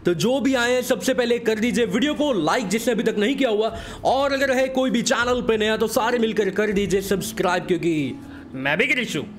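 A man hosting a casual live game stream, voice hoarse from a sore throat, greeting viewers by name in a breezy, joking way. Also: high voice, brisk, soft background music.

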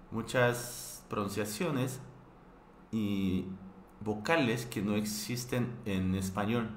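A man from Korea, teaching a live online language class, patiently repeating words with frequent restarts and fillers. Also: lowish voice. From South Korea. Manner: patient, repeats each word slowly several times. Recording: echoey room with faint background noise.

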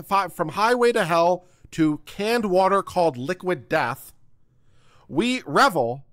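Reading aloud with dramatic, declamatory emphasis, this middle-aged legal commentary livestreamer speaks in a high-pitched, fairly bright voice. He's right up on a desk microphone in a close, dry home studio room, giving a dry recording.

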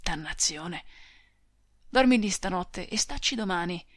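A woman's voice: fairly low pitch, expressive, no echo, studio quality. A woman reading the part of a brusque young male soldier in an audiobook, speaking curtly and commandingly. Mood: hurried. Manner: curt, commanding, hurried.

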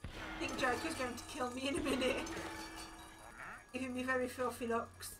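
A woman's voice: high voice, little pitch movement, moderate pace. A woman playing a video game as a co-player, chatting casually and needling her partner in an argumentative way. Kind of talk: casual chat over gameplay. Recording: music playing behind.

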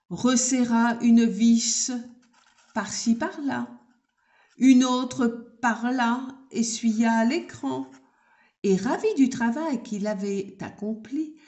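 A woman reading a children's story aloud in a gentle, unhurried way. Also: on the high side.

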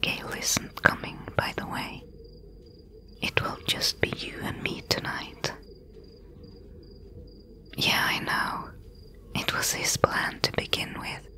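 Woman playing a wry lady thief bossing a newbie, whispered role-play, slow n breathy, bright hiss to it. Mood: hushed, businesslike. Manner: hushed, unhurried, instructing. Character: female rogue thief, wry, bossy mentor to a newbie.

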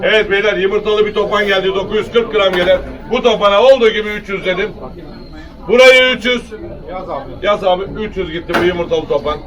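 A man's voice: sits high, fast. A man working as an auctioneer, calling out lots, weights and bids in repetitive patter. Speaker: fish auctioneer. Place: busy fish auction hall. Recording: distant mic amid crowd chatter. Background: crowd of buyers.

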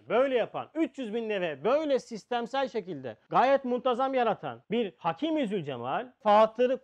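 A man teaching a religious lesson, full of rhetorical questions and swinging between loud stresses and hushed asides. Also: very high-pitched, highs cut off. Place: on a pulpit or lecture seat.

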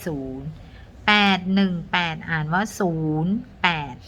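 A woman's voice: fairly low pitch, measured pace, a bit bright, slight background noise. A woman teacher patiently walking young students through a math lesson step by step, counting aloud with polite particles.

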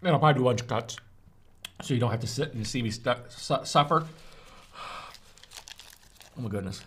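A food reviewer with a mid-range voice speaks briskly over a bit of hiss or hum. He casually reviews spicy chicken bites for his vlog, animated and gasping and groaning as the hot sauce burns his mouth.

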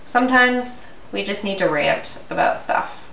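Sounding congested from a cold, a young woman vents to her vlog camera at home, chatty and exasperated. Her medium-pitched voice is creaky and fairly bright, with lively intonation and a slightly slow pace. There's slight background noise, and the camera mic a few feet away in the living room gives a roomy, distant sound.

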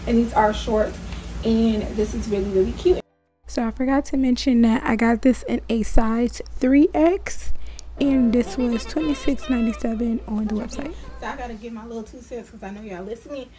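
A chatty young woman, hyping up each piece of her clothing haul straight to her viewers. Her voice sits fairly high and sounds mellow rather than bright. Faint music plays underneath. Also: normal speed, rough recording. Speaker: fashion vlogger. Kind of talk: casual haul vlog.

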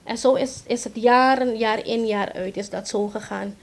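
Surinamese dutch lady telling her story, kinda high voice, stops and restarts a lot. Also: steady tone. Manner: halting, many restarts and fillers. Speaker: interviewee, accident victim. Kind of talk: emotional first-person account in an interview.

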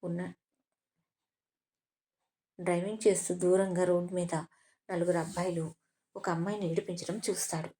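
A woman storyteller giving a steady, scripted narration of an audio drama story. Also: fairly low pitch, normal speed, pauses often.

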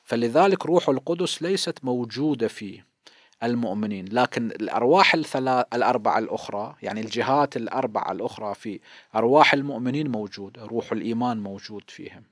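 A man's voice: medium pitch, quick pace, no echo, clean studio sound. A man in his fifties with an Iraqi Arabic accent, a cleric giving a seminary lesson on hadith, explaining patiently and posing questions he then answers himself. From Iraq. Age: 50s.

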